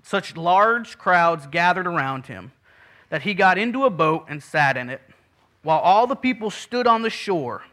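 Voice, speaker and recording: Preaching with frequent restarts and earnest, self-deprecating asides, this Puerto Rico-raised pastor in his thirties speaks a little slowly. His voice sits high and comes across animated, pushed, and bright.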